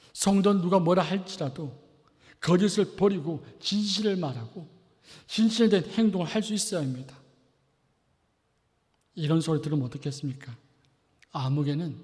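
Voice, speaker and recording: Korean pastor preaching in a reverberant church. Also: male voice, on the high side. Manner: rhetorical questions to the congregation, swings between loud and soft. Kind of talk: sermon. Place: church sanctuary. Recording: long reverb of a church hall.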